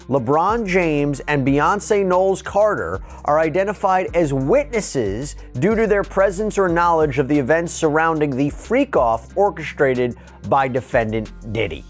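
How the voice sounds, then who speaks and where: Man with very animated delivery, news commentary. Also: on the high side. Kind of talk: news commentary with scripted quotes.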